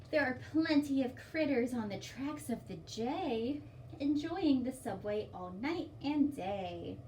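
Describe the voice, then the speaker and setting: Her voice high and a little mellow, a woman hosts story time for young kids and reads a picture book aloud. She explains things simply and encourages them with questions, captured by a far-off mic with faint background noise.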